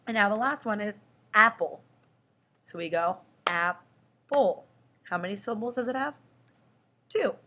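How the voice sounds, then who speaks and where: A young woman teaching a children's lesson, slow and patient, stretching out the example words. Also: medium pitch, expressive, pushed and bright, a little hiss or hum. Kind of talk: children's lesson explaining syllables.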